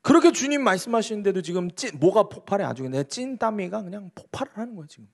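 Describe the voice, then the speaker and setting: A man's voice: sits high, animated, fast. A male pastor preaching a sermon, emphatic and full of rhetorical questions, reading scripture dramatically in a church. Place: church sanctuary.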